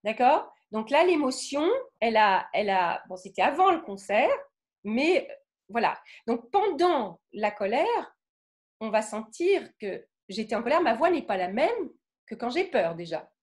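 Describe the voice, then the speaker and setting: A French woman giving a lively talk on the voice, acting out emotions with sudden vocal bursts and often checking in with her audience. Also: a little high, a little slow. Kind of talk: lively spoken lecture with demonstrations.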